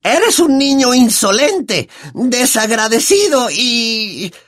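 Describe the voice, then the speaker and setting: A shrill, boozy older aunt, sneering and cruel, her voice leaping high and low. She speaks with a Latin American Spanish accent in a dry, close recording. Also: big pitch swings, a little slow, a bit bright, no room sound, heavily acted. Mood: furious.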